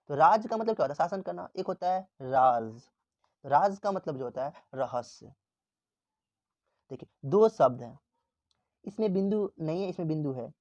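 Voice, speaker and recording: A man's voice: a little high, a little mellow, dry recording, dull audio. A male teacher giving a classroom lesson. He repeats words and asks the class questions, then answers them himself.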